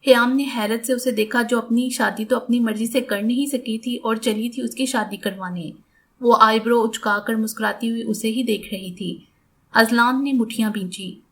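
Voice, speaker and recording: A woman reading a romantic novel aloud as an audiobook narrator, with an even storytelling delivery. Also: on the high side.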